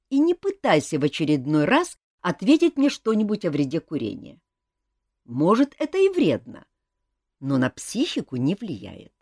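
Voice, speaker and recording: A woman's voice: mid-range voice, dry recording, studio quality, voice pushed up. A woman reading an audiobook, voicing a sardonic young king who needles his cousin dryly and insistently.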